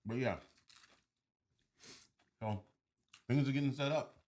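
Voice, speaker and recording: A man's voice: mid-range voice, takes it slowly, a little mellow. A young man co-hosting a casual podcast, playful and teasing, chuckling often. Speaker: podcast co-host. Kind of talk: casual chat.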